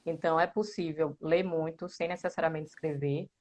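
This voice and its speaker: Interviewed as a member of a writing group, a Brazilian Portuguese-speaking woman gives relaxed, explanatory answers, frequently tossing in little tag questions. Her voice is low-pitched and a little mellow, with fairly even intonation at a moderate pace.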